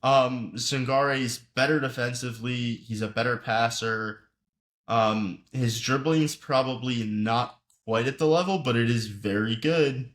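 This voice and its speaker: A man's voice: mid-range voice, measured pace, a bit bright. Man, podcast co-host, casual chat, blunt, joking, mid-range voice.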